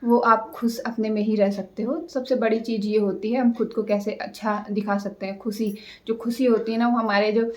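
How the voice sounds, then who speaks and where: Chatty young woman giving style advice. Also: a little high. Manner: chatty, hesitant with many fillers; tries to talk slowly and calmly. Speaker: vlogger. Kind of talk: casual advice talk to camera.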